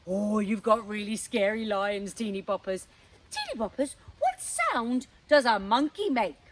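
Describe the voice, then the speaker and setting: A young woman presenting a children's show, talking to young viewers in an animated, exaggerated way. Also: medium pitch, a little slow, recorded from a distance, a little hiss or hum.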